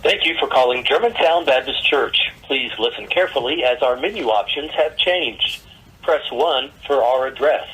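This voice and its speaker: A man's voice on a church's recorded phone menu message, reading a scripted automated greeting in an even, formal way. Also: mid-range voice, moderate pace, husky, low-quality recording. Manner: even, formal announcer delivery.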